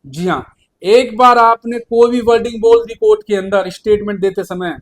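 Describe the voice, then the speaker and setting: A man speaks straight to his viewers in an advice video, with a voice pitched noticeably high for a man. His talk is informal and blunt. He keeps stopping to check that they are following. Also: moderate pace. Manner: informal, repeatedly checks the listener understands; addresses viewers as brother, blunt colloquial phrasing. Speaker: legal advice video host. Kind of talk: direct-to-camera advice talk.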